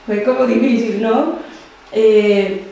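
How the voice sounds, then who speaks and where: A young adult woman, a podcast guest telling her own story in an interview, speaking softly and often trailing off quietly. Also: on the high side, fairly even intonation, takes it slowly, creaky. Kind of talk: personal testimony in an interview. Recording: very echoey room.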